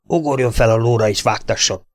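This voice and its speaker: A man's voice: mid-range voice, natural voice. A man reading as a terse, urgent rescuer. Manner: urgent, clipped commands.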